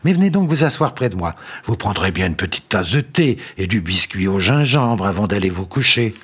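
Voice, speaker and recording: A man reading a story aloud, voicing a sweet-talking landlady who gushes and flatters in a raised voice. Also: fairly low pitch, brisk, husky. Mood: coaxing. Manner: gushing, honeyed, flattering. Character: sweet-talking older landlady, fussy and cloying.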